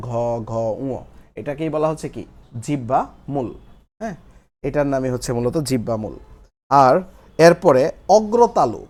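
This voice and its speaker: A man's voice: a little high, mellow. A young man teaching a recorded grammar class, explaining step by step and repeating each key term for students to write down. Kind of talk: recorded online class lecture.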